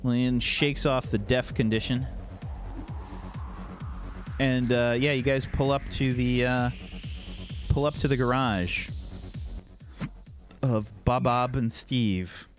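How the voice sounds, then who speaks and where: A man narrating a tabletop game as game master, casual and halting as he searches for words. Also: medium pitch, steady tone, faint music behind.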